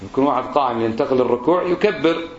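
Man teaching. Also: medium pitch. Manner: drawls out phrases slowly to demonstrate pronunciation; asks the listeners rhetorical questions. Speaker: religious teacher. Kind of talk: lesson on prayer. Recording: roomy, slightly dull recording.

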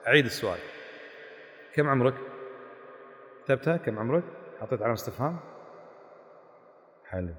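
A man's voice: medium pitch, expressive, fairly quick, long pauses, fairly bright tone. A man giving a religious lesson to a class, quizzing his listeners with emphatic rhetorical questions. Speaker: religious teacher. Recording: echoey hall reverb.

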